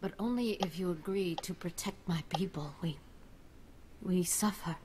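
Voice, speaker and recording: A woman's voice: on the low side, moderate pace, background noise, lightly acted. A woman voicing a bitter, sickly matriarch. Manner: haughty and reproachful. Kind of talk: game voice acting.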